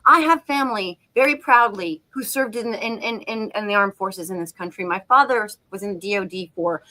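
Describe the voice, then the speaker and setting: Bright-voiced woman ranting. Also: medium pitch, a little fast, poor audio. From United States. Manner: animated, ranting, blunt with profanity. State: riled up on caffeine. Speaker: podcast co-host. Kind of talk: casual political chat.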